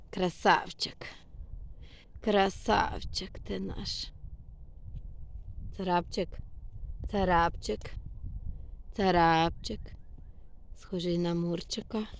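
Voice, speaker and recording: Woman cat owner, unhurried cooing pet talk, slightly gravelly, phone-recorded outside. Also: medium pitch, slight background noise. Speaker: cat owner filming her cats. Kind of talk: casual vlog, baby talk to pets. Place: outdoors in a snowy yard by a house.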